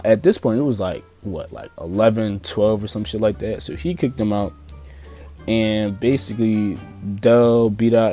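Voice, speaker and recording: A man's voice: lowish voice, mellow. A young man with a Philadelphia accent telling a story in a loose, profane, slang-heavy way, full of fillers and restarts. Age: young adult. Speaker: storyteller vlogger. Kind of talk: casual storytime.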